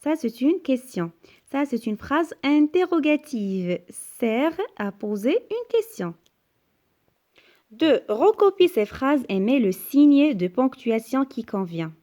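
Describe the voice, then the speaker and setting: Woman teacher going over grammar slow and careful, pretty high voice, big rising question tones. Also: big pitch swings, mellow. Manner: slow and deliberate, repeating and translating each sentence; exaggerated rising intonation on questions. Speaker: French teacher. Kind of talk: classroom grammar lesson.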